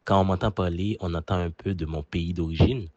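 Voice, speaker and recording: A man from Haiti with a Haitian accent, a teacher and journalist, giving an earnest, measured personal testimonial with a few fillers. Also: low-pitched, fairly even intonation, a little mellow, dry recording, lo-fi sound.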